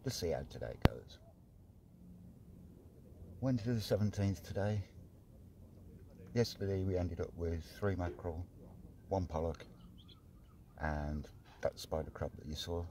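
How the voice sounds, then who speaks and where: A man in middle age talks his viewers through his fishing setup in a relaxed, chatty way. He is recording himself on a phone outdoors on a harbour pier. Wind and water noise sit clearly behind his voice. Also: sits low, a little slow, pauses often. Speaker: fishing vlogger. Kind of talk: casual vlog to camera. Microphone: phone camera at arm's length.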